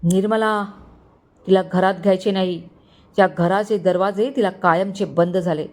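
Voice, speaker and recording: A woman's voice: mid-range voice, fairly even intonation, normal speed, close to an everyday voice. A woman voicing a stern father who harshly disowns his daughter in a storybook reading. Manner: harsh, shouting.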